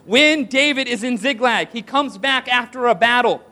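A man's voice: extremely high pitch, normal speed, bright, forceful tone. A man preaching a sermon to a congregation, asking rhetorical questions and calling for responses. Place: church hall with audience.

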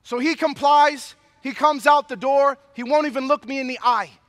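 Very high-voiced, bright male preacher. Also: normal speed, dry recording, studio quality. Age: adult father of young children. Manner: impassioned preaching mixed with personal storytelling. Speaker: pastor. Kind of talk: sermon.

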